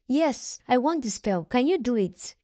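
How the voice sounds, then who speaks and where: A woman's voice: on the high side, expressive, measured pace, mellow, no room sound. A jealous young village beauty, voiced by a woman. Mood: eager. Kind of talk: storybook narration. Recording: music bed behind the voice.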